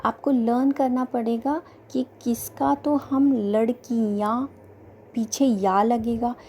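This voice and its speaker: A woman teaching a children's grammar lesson, slowly repeating each word pair and asking and answering her own questions, mixing English words into her speech. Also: fairly high pitch, fairly even intonation, mellow, slight background noise.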